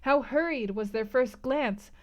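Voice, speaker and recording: A woman with a high-pitched voice reads literary prose aloud, unhurried, as a book club host. Her phrasing is theatrical and emphatic, like dramatic audiobook narration.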